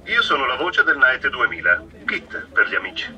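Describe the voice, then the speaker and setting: Calm male car computer, voiced by a man, formal machine delivery, coming through a car speaker outdoors. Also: medium pitch, normal speed, muffled recording. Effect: played from a car speaker. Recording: distant speaker outdoors, crowd noise. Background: loud outdoor crowd.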